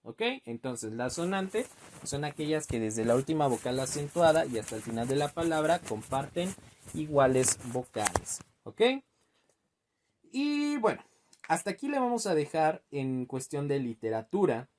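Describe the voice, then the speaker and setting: A man from Mexico teaching an online exam-prep lesson, explaining step by step, spelling out syllables slowly and checking in with "¿ok?". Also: a little high, big pitch swings, darkish tone.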